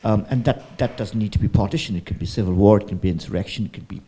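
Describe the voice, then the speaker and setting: Dark-voiced hesitant male moderator. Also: lowish voice, quick pace, breathy edge. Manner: hesitant, rambling questions. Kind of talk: panel moderation.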